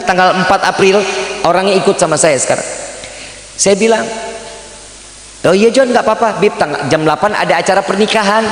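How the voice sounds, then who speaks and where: Animated man preaching in an echoey hall. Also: sits high. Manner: animated, acts out dialogue with slangy asides. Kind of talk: storytelling sermon. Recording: echoey hall with long reverb.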